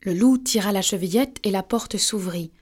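A woman reads a classic fairy tale aloud in a measured, expressive way. Her voice sits in a comfortable middle range. She tells it steadily, like a bedtime reading. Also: mid-range voice. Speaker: storyteller.

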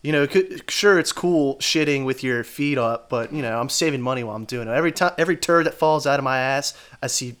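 A man's voice: mid-range voice, quick pace, hardly any pauses, fairly bright tone, clean tone. A man chatting casually as a podcast guest, crude, joking and self-deprecating. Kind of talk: casual chat.

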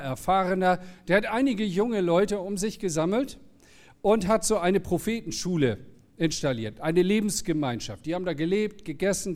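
A man's voice: high-pitched, darkish tone. A man preaching a conversational sermon, explaining plainly with everyday stories. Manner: casual, anecdotal, explains plainly with everyday examples.

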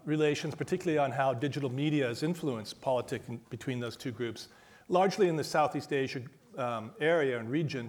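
A man moderating a panel event, introducing the next speaker in a loose way with many fillers. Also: mid-range voice.

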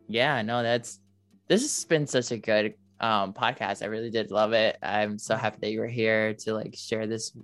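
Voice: mid-range voice, fairly even intonation, normal speed, a bit bright, no room sound, faint music behind. A podcast host chatting casually in a slangy, sweary, informal way. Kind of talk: casual chat.

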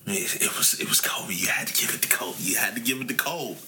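A man in his late twenties hosting a casual sports podcast, animated and talkative, his voice jumping up when he gets excited. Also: on the low side, fairly quick, a little hiss or hum. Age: 20s. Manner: animated, rises to near shouting when excited. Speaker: podcast host.

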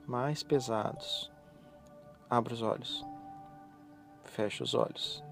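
A soft-spoken man leads a guided relaxation hypnosis, giving slow, soothing, repetitive instructions with pauses. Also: mid-range voice, steady tone, gravelly. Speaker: hypnotherapist guiding a relaxation session. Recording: voice over background music. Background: relaxation music.

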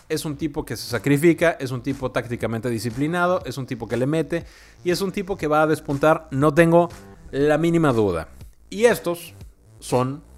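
A man with a Mexican accent giving casual football analysis, chatty, often tagging his points with quick questions to the listener. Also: a little high. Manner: conversational, frequent "¿no?" tags and "este" fillers.

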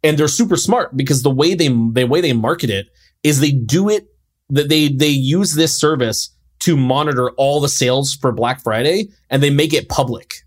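A young man chatting casually on a podcast, rambling through his points with plenty of fillers. His voice sits at an ordinary middle pitch. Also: moderate pace. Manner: loose and chatty, lots of fillers. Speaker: podcast co-host. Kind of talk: casual chat.

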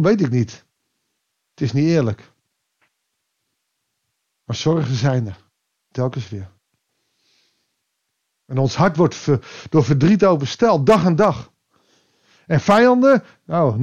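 A man preaching a devotional sermon, reflective and pausing, rising with emphasis and then dropping to a quiet voice. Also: a little high, highs cut off.

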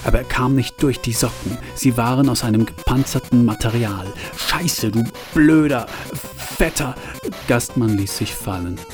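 A man narrating a story in a measured, detached way, at times half-whispered. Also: medium pitch, fairly even intonation, darkish tone, faint music behind. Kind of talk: scripted audiobook narration.

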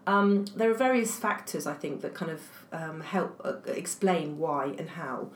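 A university academic from England, a woman whose first language is French, responds thoughtfully to an interviewer with many fillers and restarts. Her voice sits low and is expressive, her delivery a little slow, and the recording carries room echo and faint noise.

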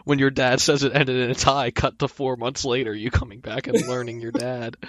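A man's voice: mid-range voice, flat delivery, brisk, a bit bright, no echo. Man, podcast co-host, wry teasing quips, dry close sound. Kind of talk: casual comedic chat.

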